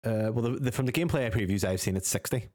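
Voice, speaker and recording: A man's voice: lowish voice, fast talker, a little mellow, no room sound, clean studio sound. A man co-hosting a gaming podcast who chats casually, gives strong opinions, swears freely and reads out news items. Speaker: podcast co-host.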